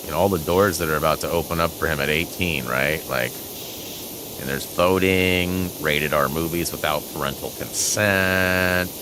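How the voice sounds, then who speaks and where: Low-voiced man in his forties. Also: noisy background. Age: 40s. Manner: rambling, chuckling, with many fillers. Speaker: gaming channel host. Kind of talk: casual chat over gameplay.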